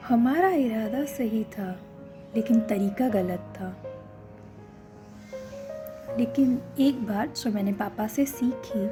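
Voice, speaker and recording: A young woman playing a teenage daughter who looks back calmly on a family lesson. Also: a little high. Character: teenage daughter, narrating and reflective. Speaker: daughter and narrator in a student skit. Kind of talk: amateur student drama acting.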